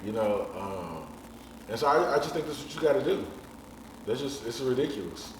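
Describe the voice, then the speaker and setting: A man's voice: medium pitch, sing-song, moderate pace, recorded from a distance. A man in his thirties, a podcast guest talking frankly and bluntly in casual chat, swearing casually. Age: 30s. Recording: echoey room, off-mic, faint noise.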